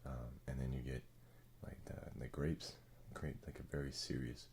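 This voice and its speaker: Very deep, creaky soft-spoken ASMR man. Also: flat delivery, a little hiss or hum. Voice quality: hushed, gravelly low voice. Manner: laid-back, halting, slangy and profane. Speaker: ASMR video creator and host. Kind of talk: soft-spoken ASMR, casual rambling chat.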